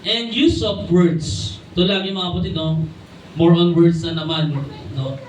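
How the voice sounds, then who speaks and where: A young Filipino man preaching a sermon to his congregation, often calling them brothers and sisters and slowing down for key English phrases. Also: on the high side, steady tone, darkish tone, a little hiss or hum. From Philippines. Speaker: church preacher. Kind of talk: sermon mixing Tagalog and English. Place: church hall. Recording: echoey room from a distant mic.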